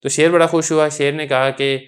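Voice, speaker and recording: A man's voice: a little high, flat delivery, brisk. A man teaching a lesson, patiently explaining an Arabic story line by line and asking himself questions as he goes.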